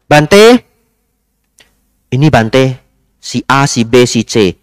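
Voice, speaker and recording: A man's voice: mid-range voice, takes it slowly, clean tone, dry recording, clean studio sound, close to an everyday voice. A man voicing a pushy young man who urgently reports on others and demands action.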